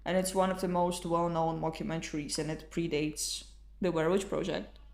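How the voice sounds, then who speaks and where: A woman's voice: low-pitched, flat delivery, moderate pace, gravelly, darkish tone. A woman co-hosting a casual, informal film discussion, swearing now and then. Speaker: podcast co-host. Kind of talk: casual chat about films. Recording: roomy echo.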